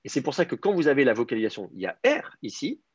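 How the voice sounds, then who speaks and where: A man leads an online grammar lesson, his pitch moving a lot as he works through each point out loud. The voice is a bit husky and comes across dry, as if over a computer microphone. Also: very animated, fast talker, no room sound, dull audio. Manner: explains step by step, thinking aloud with many "euh". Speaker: teacher. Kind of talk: online Hebrew grammar class.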